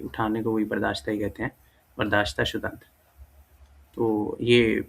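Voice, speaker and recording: A man's voice: medium pitch, fairly bright tone. A man giving a casual language lesson, thinking aloud and correcting himself as he goes. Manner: thinks aloud, self-correcting, many fillers. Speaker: language teacher. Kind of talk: casual screen-recorded lesson.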